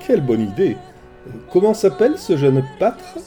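A man's voice: fairly high pitch, sing-song, normal speed, mellow, pitched above the performer's own voice. A man voicing the king of the gods who blusters and gives orders, over faint music in a storybook reading. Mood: relieved. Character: harried king of the gods, relieved.

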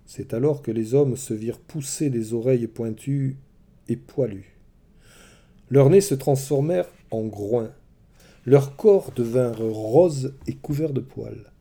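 A man telling a mythology story in scripted, expressive narration. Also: mid-range voice, slow.

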